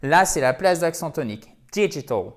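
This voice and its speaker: Energetic man drilling English pronunciation. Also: medium pitch, normal speed. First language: French. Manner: energetic, repeats words for drilling, chatty asides. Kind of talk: video lesson.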